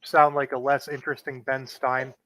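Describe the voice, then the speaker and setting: A man co-playing on a game stream, explaining things in a flat, monotone way. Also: medium pitch, moderate pace, no room sound. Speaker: guest co-player. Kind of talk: casual gameplay explanation.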